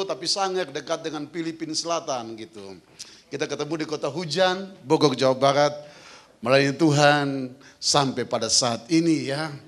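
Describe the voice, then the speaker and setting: A man's voice: a little high, fairly bright tone. A pastor from Southeast Maluku, praying and preaching in a fervent style. He repeats phrases rhythmically and calls on the congregation to answer him. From Southeast Maluku, Indonesia. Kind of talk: fervent sermon and prayer.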